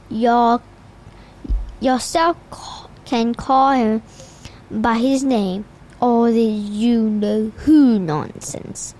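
A woman reading aloud the part of a gentle elderly male headmaster wizard, with halting slips. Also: fairly high pitch.

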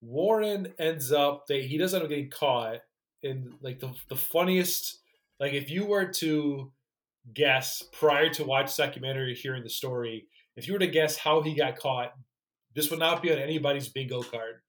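A man's voice: mid-range voice, moderate pace, a bit bright. A man co-hosting a podcast in casual chat, recapping a story animatedly and swearing now and then.

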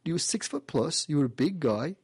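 A man hosting a call-in radio show who gives a caller a playful, animated past-life reading, often repeating and restarting his phrases. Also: on the high side, fairly quick, husky, no room sound.

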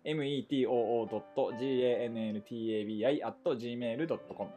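A man's voice: mid-range voice, racing, mellow, faint music behind. A man co-hosting a podcast in casual chat, reacting to his partner with repeated short acknowledgements. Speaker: podcast co-host.

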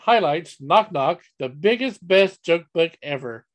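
A man hosting a casual podcast, playfully reading knock-knock jokes in a deadpan way. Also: a little high, a little slow, no room sound. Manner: playful, deadpan joke delivery with groans. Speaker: podcast host.

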